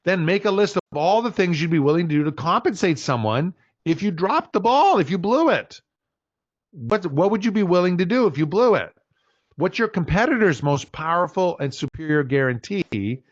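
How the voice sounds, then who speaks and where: An older man in his sixties leads a business workshop and throws himself into his stories, acting out the other people's voices. His voice sits a little high, and it comes through a dull, lo-fi online call. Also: moderate pace. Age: 60s. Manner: animated storyteller, acts out voices. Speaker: business coach. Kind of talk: workshop talk with storytelling.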